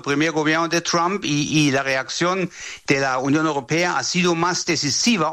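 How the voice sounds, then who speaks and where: German man, high bright voice. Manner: hesitant, repeats words while searching. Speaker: interviewed legal expert. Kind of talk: interview answers.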